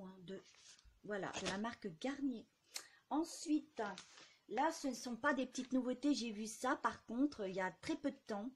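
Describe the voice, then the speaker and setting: Woman, casual haul vlog, chatty, hesitant, lots of fillers, unsure over product names, mid-pitched voice. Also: a little mellow, slight background noise. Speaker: vlogger.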